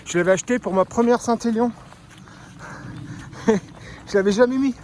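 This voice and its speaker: A man's voice: very high-pitched, brisk, a little mellow, slight background noise. Chatty man vlogging outdoors on a run. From France. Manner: chatty, talking to camera between climbs. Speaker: trail runner vlogger. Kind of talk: casual vlog while running. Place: outdoors on a muddy hill.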